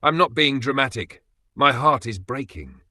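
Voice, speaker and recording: A man's voice: mid-range voice, animated, normal speed, pushed and bright, dry recording, studio quality. A man voicing a heartbroken young wife who begs her husband through tears. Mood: pleading. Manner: tearful, begging.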